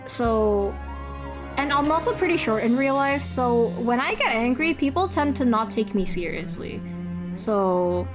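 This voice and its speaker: With music underneath, a young adult non-binary streamer chats a little slowly but with lively intonation during a live reaction stream. Their higher-pitched voice stammers through restarts, and they laugh often and swear freely.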